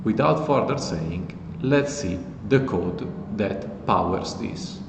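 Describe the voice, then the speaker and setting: Low-voiced man explaining code casually. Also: slow pace, creaky. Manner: relaxed, plain explanatory talk. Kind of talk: casual tech tutorial. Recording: echoey with long reverb and faint noise.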